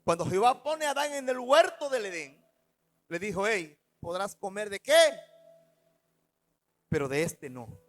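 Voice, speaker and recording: A man, a pastor preaching a sermon, swinging between loud and soft as he retells stories in the first person. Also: big pitch swings, unhurried, pauses often, dry recording, rough recording. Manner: preaching with dramatic swings in loudness and pitch.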